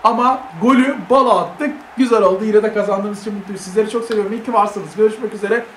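Young male gamer, very high voice, excitable play-by-play, echoey room. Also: quick pace, a little hiss or hum. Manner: excitable, shouts at big plays, chats to viewers. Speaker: mobile football gamer. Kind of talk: live gameplay commentary.

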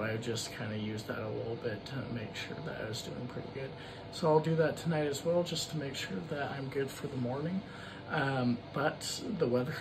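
A man's voice: medium pitch, background noise. A man in his twenties chatting casually to a camera in a room at home, recapping as a vlogger. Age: 20s. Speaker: running vlogger.

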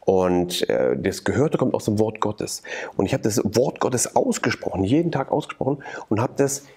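Low husky German man testifying. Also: very animated, moderate pace, darkish tone. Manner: earnest preaching cadence with repeated phrases. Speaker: interview guest.

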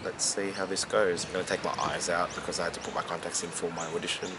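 A man's voice: low-pitched, flat delivery, fast talker. A man in his twenties chatting casually to a handheld camera as a vlogger. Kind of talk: casual vlog talk. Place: outdoors on a city street. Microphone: handheld camera at arm's length. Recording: noisy outdoor camera audio with vehicle ambience.

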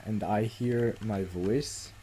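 A man hosting casual gameplay commentary, excitable and quick to panic as he plays. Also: fairly low pitch, a little hiss or hum. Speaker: gaming channel host.

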